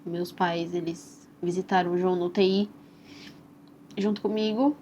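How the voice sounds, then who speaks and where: A young Brazilian woman tells her own story as a mother in a soft, tender and reflective way, often adding "né?" and "assim". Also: fairly low pitch, steady tone, moderate pace. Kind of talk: personal testimonial storytelling. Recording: slightly dull recording with faint hiss.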